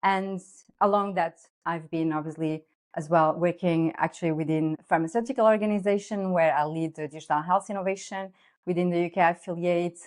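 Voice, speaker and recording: A woman in her thirties speaks English with a Portuguese accent, her voice sitting a little low for a woman. She explains things earnestly and at length, with the odd filler and restart, as a podcast guest. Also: steady tone, a little fast, darkish tone. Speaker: guest, lifestyle coach. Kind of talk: podcast interview.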